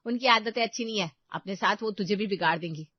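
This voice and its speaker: A woman voicing a nosy, quick-tempered elder sister-in-law in an animated story, pushy and sharp-tongued. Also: mid-range voice, no echo, close to an everyday voice. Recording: dull lo-fi dry recording.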